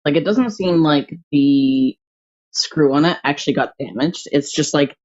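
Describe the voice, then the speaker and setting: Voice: mid-range voice, measured pace. A young adult streamer chatting casually while drawing, thinking aloud and rambling with lots of fillers. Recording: slightly dull home stream audio.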